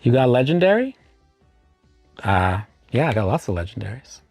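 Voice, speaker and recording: A man's voice: mid-range voice, big pitch swings, moderate pace, creaky, darkish tone, no echo. Man, live stream host, casual chat, greets viewers, spells out commands, dry close sound, faint music behind.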